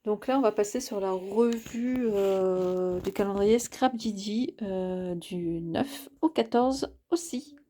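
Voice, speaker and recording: A woman's voice: medium pitch, slow pace, few pauses, warm tone, a little hiss or hum. A woman chatting casually to her viewers as she unboxes craft items, hesitating often with filler sounds. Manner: chatty, addresses the viewer directly. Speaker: craft vlogger.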